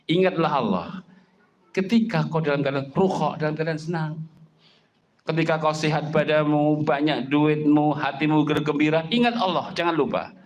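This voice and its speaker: A middle-aged Islamic preacher from Java, Indonesia, speaks with a Javanese accent in a lively, animated sermon. He often swings his pitch up for emphasis, asks rhetorical questions, and mimics how people speak.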